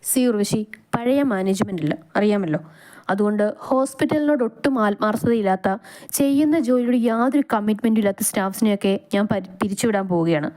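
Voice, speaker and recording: A woman's voice: mid-range voice, fast, mellow, close to an everyday voice. Woman voicing a curt, scornful young boss. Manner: curt, scolding. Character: arrogant young male hospital director, harsh.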